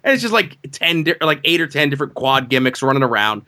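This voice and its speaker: A man with a bright, fairly high voice tells a long story in casual podcast chat. He rambles, stacks up "like"s and tag questions, and now and then slips into quick mock voices. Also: big pitch swings.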